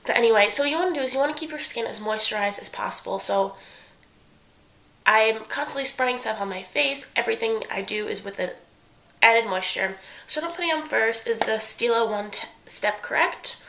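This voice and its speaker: Her voice fairly high, a little fast, creaky, and bright with a forceful edge, a young beauty vlogger sounds stuffed up from a cold. She chats loosely through a makeup tutorial, rambling and often stopping mid-sentence to correct herself.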